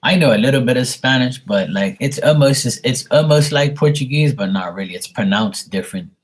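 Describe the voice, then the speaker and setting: A man's voice: medium pitch, lively intonation, brisk. A man from Bermuda, a tarot reader telling a rambling story on a live stream, blunt and swearing casually.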